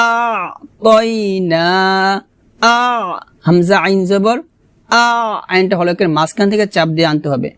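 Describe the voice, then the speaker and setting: A man teaching Quran pronunciation, who recites slowly and drawn out and then explains mistakes quickly and patiently. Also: sits high, a bit bright, clear, resonant tone, no echo, clean studio sound. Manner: patient, repetitive, corrective teaching. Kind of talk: tajweed pronunciation lesson.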